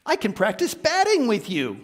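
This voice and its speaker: A man voicing a big gentle bird with a sweet, childlike manner in a storybook read-aloud. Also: sits high, wildly swooping pitch, normal speed, long reverb tail, voice pushed up, full character voice.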